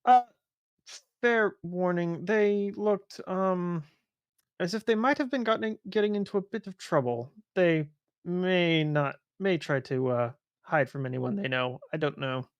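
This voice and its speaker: A man taking part in a tabletop role-playing game, speaking politely and in a measured way, partly in character. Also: high-pitched, clear, resonant tone, no room sound, muffled recording. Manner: polite, measured, some fillers. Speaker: player.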